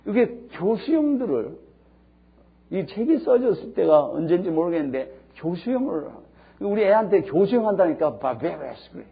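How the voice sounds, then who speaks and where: Male pastor, high raspy voice with gravelly fry, emphatic sermon storytelling, muffled old recording. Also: very animated, normal speed. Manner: emphatic storytelling, swinging between hushed and loud.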